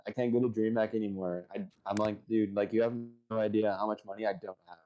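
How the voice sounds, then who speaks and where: A man's voice: fairly low pitch, little pitch movement, fast talker, highs cut off. Rambling young man on a podcast. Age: 20s. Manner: rambling, heavy use of filler like. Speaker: podcast guest. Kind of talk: casual podcast chat.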